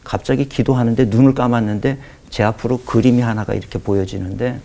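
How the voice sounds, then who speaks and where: A man's voice: mid-range voice, steady tone, quick pace, creaky, dark tone. A man in his fifties, a pastor telling his testimony on a talk show, earnest and storytelling, acting out the prayers he once said. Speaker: pastor, guest.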